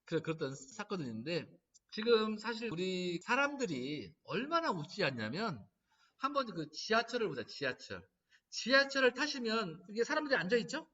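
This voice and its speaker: A man lectures as a laughter therapist, acting out the remarks people make. His voice is high and bright and swings widely in pitch. It is picked up from a distance on a dull, lo-fi recording. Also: moderate pace. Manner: animated storytelling, acting out quoted lines. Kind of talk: humanities lecture.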